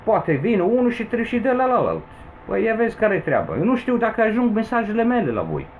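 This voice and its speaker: A man's voice: high voice, huge pitch swings, slight background noise, rough recording. A Romanian man in his forties, rambling through an agitated personal complaint to camera, with emphatic outbursts. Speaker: vlogger. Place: home in the Philippines.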